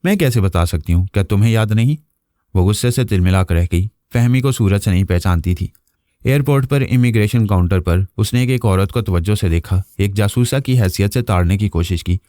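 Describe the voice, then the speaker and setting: A man narrating a novel in a steady, even storytelling manner. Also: lowish voice, brisk, dry recording, clean studio sound.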